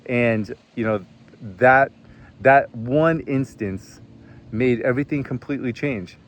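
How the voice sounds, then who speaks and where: A man's voice: medium pitch, takes it slowly, muffled recording. A man giving a casual motivational talk, earnest and conversational, telling a personal story with frequent fillers. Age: adult, served in the military. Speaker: host.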